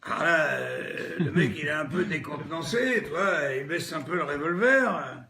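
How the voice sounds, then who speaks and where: A man's voice: on the high side, lively intonation, normal speed, sharp tone. A man telling dirty jokes in a chatty stand-up style, talking straight to the listener.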